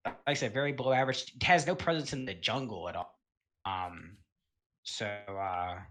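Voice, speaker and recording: A man's voice: on the low side, a bit bright. Laid-back man rambling through game commentary. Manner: rambling, heavy on fillers like um and you know; laid-back, chuckles between points. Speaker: gaming video host. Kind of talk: casual tier list commentary.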